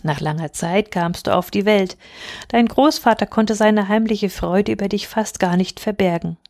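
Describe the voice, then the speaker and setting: A woman reading a fairy tale aloud in a calm, measured storytelling manner. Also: medium pitch, no echo, clean studio sound.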